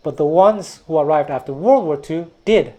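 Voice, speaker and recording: Expressive and warm, this somewhat high male voice moves at a moderate pace through an educational history talk. A music teacher and video host from Quebec, Canada, whose first language is Taiwanese, he is thoughtful and digressive and often restarts words.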